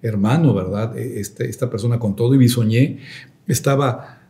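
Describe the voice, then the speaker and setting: Mellow-voiced pastor telling a testimony. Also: male voice, medium pitch, normal speed. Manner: reflective storytelling with hesitant fillers, rising to emphatic preaching.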